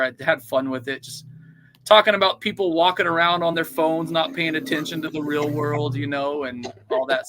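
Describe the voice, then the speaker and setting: A man's voice: fairly high pitch, a bit bright. A man from a band, a guest on an interview show, telling stories in an upbeat, rambling way. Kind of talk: casual interview chat.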